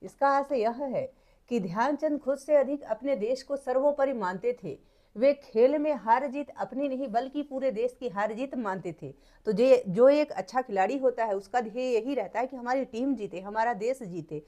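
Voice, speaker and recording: A woman's voice: a little high, moderate pace, warm tone. A woman teacher patiently working through textbook exercises step by step, repeating points for her students. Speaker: Hindi teacher.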